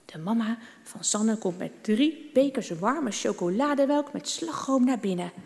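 Slow, expressive woman reading a children's story. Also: a little high, vocal fry, in a large hall.

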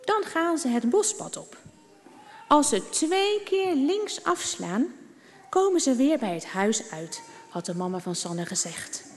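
Slow, expressive woman reading a children's story. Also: high voice, long reverb tail.

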